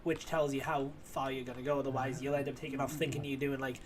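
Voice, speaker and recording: A man's voice: medium pitch, little pitch movement, quick pace, slight background noise. A man streaming, explaining things in a chatty, casual way with the odd swear word.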